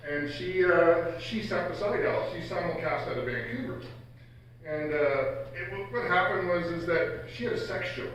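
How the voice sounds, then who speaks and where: Man, fairly high voice, halting roast storyteller, echoey hall, far mic, room noise. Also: fairly bright tone. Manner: halting storyteller with many restarts. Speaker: roast speaker, former coworker. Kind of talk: anecdotal roast speech. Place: event hall.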